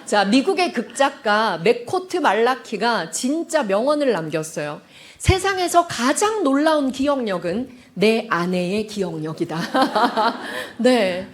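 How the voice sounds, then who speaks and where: A woman gives a lively talk-show lecture on family counseling, her voice sitting a little high and swooping through a wide, expressive pitch range. She speaks to a live audience in a library lecture hall, coaxing them to repeat phrases after her. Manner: acts out quoted family dialogue.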